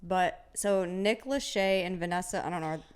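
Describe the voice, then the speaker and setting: A woman's voice: lowish voice, moderate pace, clear, resonant tone. Hesitant woman podcast co-host, thirty. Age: 30s. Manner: hesitant, searching for words. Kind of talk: casual chat.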